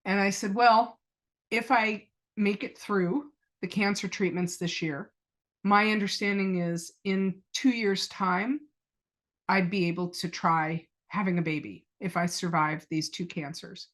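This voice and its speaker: A woman's voice: medium pitch, fairly even intonation, a little slow, fairly bright tone. A middle-aged woman, a podcast guest, earnestly telling a personal story and retelling past conversations as quoted dialogue.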